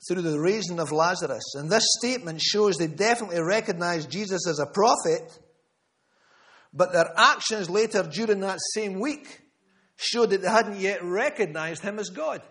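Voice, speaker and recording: A man preaches emphatically to a church gathering room, repeating key phrases and addressing listeners by name. His voice is high and fairly bright, with lively intonation and a moderate pace.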